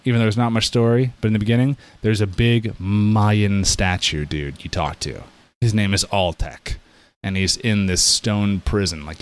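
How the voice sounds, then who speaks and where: Chatting casually, a man with a lowish voice excitedly explains how something works. He keeps restarting sentences and acts out the reactions he quotes.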